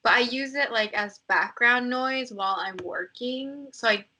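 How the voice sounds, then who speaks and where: A young American woman, guesting on a podcast, chats and rambles casually with lots of likes and ums. Her voice is on the high side, pushed and bright, and she keeps a measured pace.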